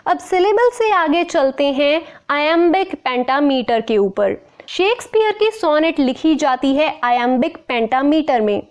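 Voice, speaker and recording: A woman teacher explaining a lesson in a clear, slow way, repeating key terms. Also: high voice. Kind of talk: Hindi-English explanatory lesson.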